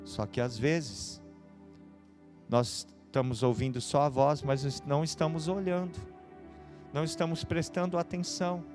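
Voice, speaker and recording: A man preaching a sermon as pastor, with a São Paulo Brazilian accent, swinging between hushed and loud passages. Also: a little high, fairly even intonation, measured pace, over music. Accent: Brazilian Portuguese, São Paulo.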